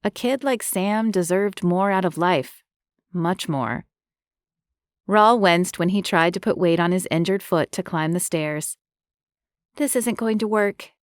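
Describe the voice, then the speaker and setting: Low-voiced woman narrating an audiobook. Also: unhurried, no room sound, clean studio sound. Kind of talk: scripted narration.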